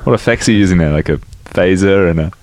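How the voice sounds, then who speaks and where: A man's voice: sits low, quick pace, a little mellow, no room sound. A man co-hosting a comedy podcast, teasing and incredulous in banter. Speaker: podcast co-host.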